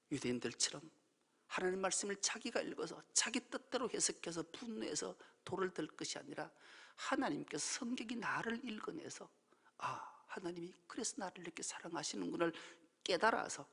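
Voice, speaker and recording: A male pastor preaching a sermon, dramatic, dropping to hushed near-whispers and then rising to loud exclamations. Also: fairly high pitch, creaky, slightly rough. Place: church sanctuary. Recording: long reverb of a church hall.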